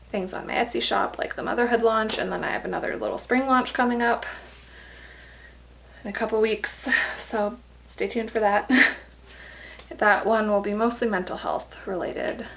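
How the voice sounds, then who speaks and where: A woman's voice: medium pitch, moderate pace, gravelly, long pauses, slight background noise, poor audio. A tired, pregnant young woman giving a casual vlog update, chatty and laughing often. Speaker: vlogger.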